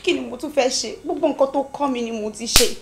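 A weary pregnant wife. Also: female voice, high voice, fast talker, heavy background noise. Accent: Nigerian. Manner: weary, soft, complaining. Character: tired pregnant young wife, weary and hurt.

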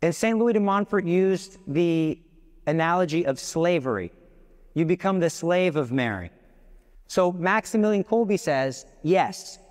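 A man's voice: fairly high pitch, lively intonation, measured pace, a little mellow. A man giving a live devotional talk to an audience. He is passionate and emphatic, with big swings in his voice and joking asides. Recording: long hall reverb.

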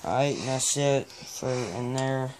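A man, slowly listing the gear in his tackle box in a low-key late-night chat at home. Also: a little mellow. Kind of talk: casual late-night show-and-tell. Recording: noisy home phone video.

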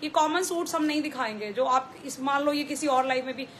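A woman with a high, bright voice and a Delhi accent hosts a live clothing sale, chatting and repeating her prices. Faint noise from the shop is heard behind her. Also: brisk. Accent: Delhi Hindi with English mixed in. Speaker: clothing store owner selling live. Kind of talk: live sales stream.

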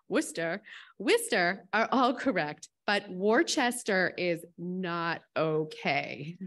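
A woman at a podium mic opens a conference with housekeeping notes and local fun facts. She is chatty and keeps slipping in little laughs and light jokes. Her pitch sits in the middle for a woman, and the sound is of a conference room. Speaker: conference host giving welcome address. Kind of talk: welcome speech with housekeeping announcements.

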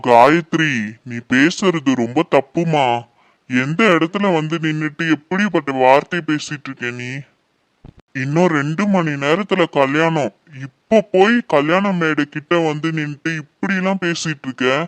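Consoling family elder, played by a man, steady and slightly high-pitched. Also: measured pace, clear, resonant tone, natural voice. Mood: reproachful. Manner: patient, consoling, fatherly. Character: calm elder family man, father and uncle.

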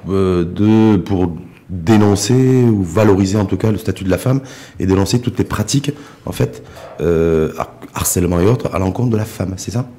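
A middle-aged man hosting a studio interview, posing questions with frequent rephrasing and drawn-out hesitations. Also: sits low, dark tone. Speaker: interview host. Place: small radio-style studio. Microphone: desk microphone with pop filter.

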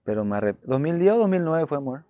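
Speaking fast in a sing-song way, a man who once played football shares his story as an interview guest. He's earnest and repeats his phrases, often sinking to a soft, low voice. The studio sound is dull and dry, with no echo.

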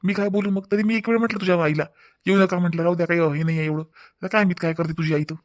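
A man plays a talkative young village husband in a cartoon family drama. He rattles on quickly. His voice is pitched high for a man. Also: fairly even intonation, close to an everyday voice. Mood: explaining. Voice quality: chatty, reproachful, explaining at length. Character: fussing young husband and brother-in-law, talkative. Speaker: cartoon voice actor.

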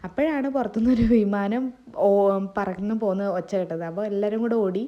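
A woman's voice: mid-range voice, brisk, dull audio. A woman narrates a family vlog in a chatty, rambling way, her voice wavering from a sore throat. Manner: chatty, rambling, speaking to viewers. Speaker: family vlogger. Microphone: phone.

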